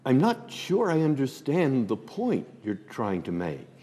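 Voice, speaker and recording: A man as an earnest, baffled news interviewer, his husky voice moving slowly but swooping in pitch. A long hall reverb hangs on every word. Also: huge pitch swings, mellow, full character voice. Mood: puzzled. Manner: baffled, slow follow-up questions.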